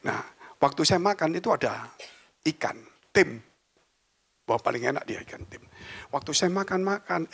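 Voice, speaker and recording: A man's voice: on the high side, fairly bright tone, slightly rough. A male pastor preaching a sermon in a chatty storytelling manner, acting out conversations and sometimes dropping to a near-whisper. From Indonesia. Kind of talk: sermon with personal anecdote. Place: church sanctuary.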